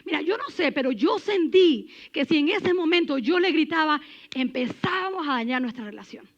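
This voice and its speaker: A woman with a high, lively voice preaches a sermon in church. She is animated and emphatic, dropping now and then to a hushed, close tone. The recording sounds a bit muffled and dull. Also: normal speed.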